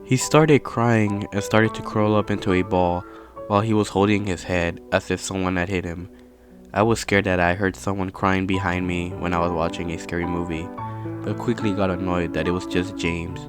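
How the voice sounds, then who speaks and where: Low flat-voiced male horror narrator. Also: normal speed, over music.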